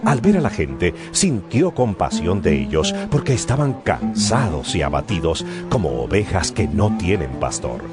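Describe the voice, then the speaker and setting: A man narrating a Bible reading in an expressive storytelling manner. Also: low voice, moderate pace, hardly any pauses. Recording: music bed behind voice. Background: guitar music.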